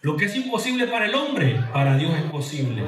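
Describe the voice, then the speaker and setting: Man, pastor, sermon, call-and-response questions, high voice, distant roomy church sound. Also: sing-song, brisk, crowd noise. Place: church hall. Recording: echoey church hall from far off.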